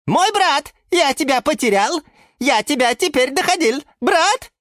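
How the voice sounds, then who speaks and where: A woman voicing an excitable newly sprouted plant who shouts, repeats words and chants in a sing-song way. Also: high voice, measured pace, dry recording, studio quality, pitched above the performer's own voice. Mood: overjoyed. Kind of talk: storybook reading.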